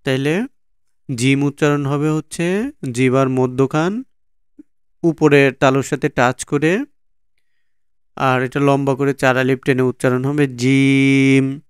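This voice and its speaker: A man's voice: mid-range voice, a little slow, pauses often, clear, resonant tone, no room sound, studio quality. A Bangladeshi man teaching Quran letter pronunciation from slides, patiently repeating each sound many times. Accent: Bangladeshi Bengali. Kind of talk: slow slide-based lesson on letter pronunciation.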